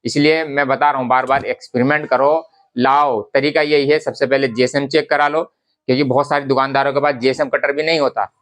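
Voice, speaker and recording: A garment business vlogger with a mid-range, steady, brisk, slightly bright voice talks casually to camera about fabric quality. He calls his viewers brothers and keeps repeating his points in a conversational, instructional way.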